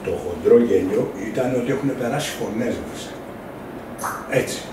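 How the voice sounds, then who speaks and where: A man casually reminiscing about recording live in a studio with his bandmates, laughing now and then. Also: fairly low pitch. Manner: relaxed, laughing recollection. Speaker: musician, guest. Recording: echoey room, distant mic, noisy.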